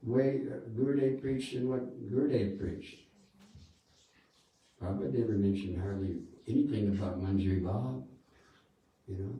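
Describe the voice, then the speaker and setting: A man's voice: medium pitch, warm tone, distant mic. Conversational man preaching in an echoey temple hall. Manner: conversational, with many asides. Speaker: guru giving a talk. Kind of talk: sermon. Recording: echoey hall, speaker off-mic.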